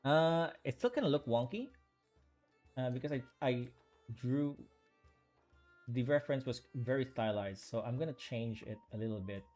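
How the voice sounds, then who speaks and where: A man's voice: medium pitch, lively intonation, moderate pace, long pauses, darkish tone, soft background music. A man who is an artist, chatting casually on a livestream while he draws and rambling with lots of fillers and restarts. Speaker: artist streaming while drawing.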